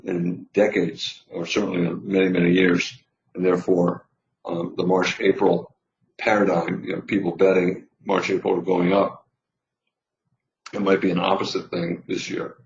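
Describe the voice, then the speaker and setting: A man's voice: low-pitched, gravelly. A man teaching trading in a casual, rambling way, full of fillers and restarts, while losing his voice. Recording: roomy, slightly dull sound.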